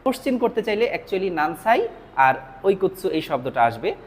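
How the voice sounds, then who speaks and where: A man with a Bangladeshi Bengali accent teaching Japanese vocabulary, repeating each word and its meaning slowly. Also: sits high, sing-song, slight background noise. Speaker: language teacher. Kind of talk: vocabulary lesson.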